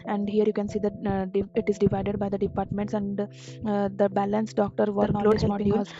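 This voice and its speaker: A woman delivers a scripted product presentation in a very monotone, mid-pitched voice. She sounds formal and read-out, on a slightly dull, lo-fi microphone. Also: quick pace. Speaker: software demo presenter.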